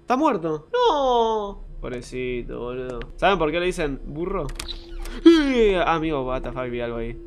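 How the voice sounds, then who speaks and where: A man's voice: a little high, very animated, moderate pace, slight background noise. A young man with an Argentine accent, joking and swearing often as he gives live commentary on a horror game. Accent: Argentine Spanish. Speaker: streamer.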